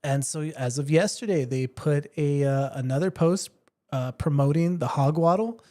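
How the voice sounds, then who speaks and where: A man's voice: fairly high pitch, moderate pace, warm tone. A man co-hosting a casual local news podcast, joking and laughing often. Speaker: podcast co-host.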